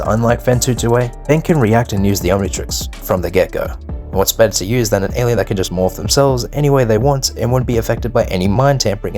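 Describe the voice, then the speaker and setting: Over background music, a man hosts and narrates a video in a lowish, slightly mellow voice. His commentary is opinionated and scripted but casual in feel, full of informal slang and swear words.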